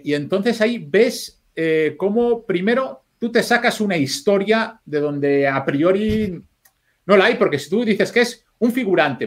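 Chatty man, slightly high voice. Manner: loose, swearing storyteller, thinks aloud with restarts. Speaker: film editor guest. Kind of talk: casual podcast chat.

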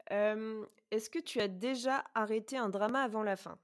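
A woman hosting a podcast in a medium-pitched voice, talking in a chatty way with frequent hesitations. She asks quick questions, then runs through her prepared notes. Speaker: podcast host. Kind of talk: casual podcast chat and prepared presentation.

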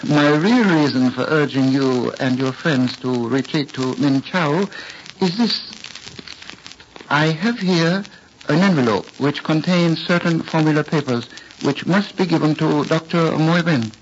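An actor playing a courteous, grave Chinese army general in a 1940s radio drama, speaking in a formal, measured way. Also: male voice, a little high, lightly acted. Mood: confiding, courteous. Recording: dull, noisy old radio recording.

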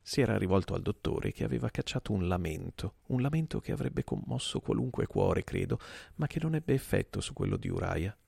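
A man reading a novel aloud, steady with occasional self-corrections. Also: low voice, fairly quick, vocal fry, husky, no room sound, studio quality. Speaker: audiobook reader.

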